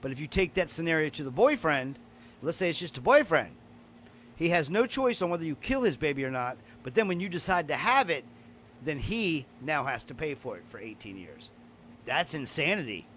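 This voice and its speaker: A man's voice: on the high side, sing-song, normal speed, a bit bright, a little hiss or hum. A man hosting a casual podcast, talking in a blunt, profane, opinionated way. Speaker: podcast host.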